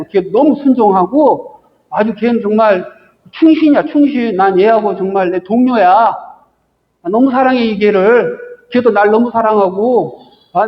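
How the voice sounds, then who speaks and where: An older male church elder chats fondly about caring for his dog, as a man acts him out. The talk is warm-hearted and chatty. The recording is dull and carries a long hall reverb. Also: high-pitched, close to an everyday voice.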